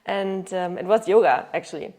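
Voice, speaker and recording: A German woman in her thirties, a yoga teacher, chats casually in a podcast interview. Her slightly low, a little mellow voice keeps a moderate pace, and she often stops to search for words or restart a phrase.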